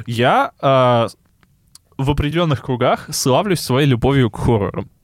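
Male podcast co-host, burred R, faint lisp, halting conversational delivery, close dry sound. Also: medium pitch, expressive, dry recording. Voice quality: burred R (rhotacism); slight lisp. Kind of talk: casual podcast chat.

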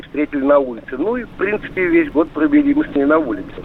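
An older man calling in to a live show over a landline phone, telling a short story in a halting, plain way. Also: fairly high pitch, huge pitch swings. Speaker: caller. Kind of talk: casual call-in chat. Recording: tinny phone line with faint hiss.

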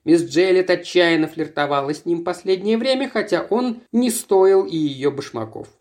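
An audiobook reader narrating a novel in first person. The delivery is steady and measured, with a mid-range voice. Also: medium pitch.

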